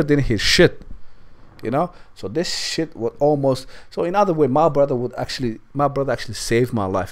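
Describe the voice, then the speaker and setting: A young man casually telling a candid personal story over gameplay, rambling and swearing freely. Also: mid-range voice. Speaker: let's play gamer.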